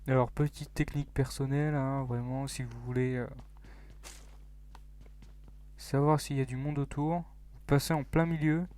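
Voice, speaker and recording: A man's voice: medium pitch, a little mellow. A young man, commenting on a mobile battle royale game in a joking, self-mocking way, rambling with fillers and sometimes dropping to a near-whisper. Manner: drops to near-whispers in tense moments. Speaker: gaming YouTuber.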